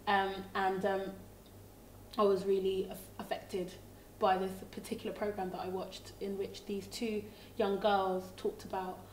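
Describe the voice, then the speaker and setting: Female singer-songwriter from Congo, flat low delivery, distant mic in an echoey room. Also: measured pace, a little hiss or hum. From Democratic Republic of Congo. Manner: thoughtful, searching for words. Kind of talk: reflective interview talk. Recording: roomy, slightly distant mic.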